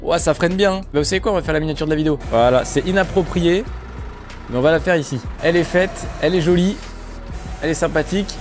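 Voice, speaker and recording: French guy streaming a bus sim, chatty and jokey, voice shoots up when hyped, faint music under it. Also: fast. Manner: animated and joking, pitch jumps up when excited. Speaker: gaming video creator. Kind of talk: casual gameplay commentary.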